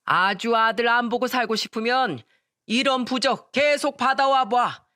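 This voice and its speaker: Woman doing a cranky old father-in-law yelling at his wife, loud, dry sound. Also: measured pace, no echo. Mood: angry scolding. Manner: booming scolding. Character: stern older father-in-law, scolding loudly. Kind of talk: storytelling radio acting.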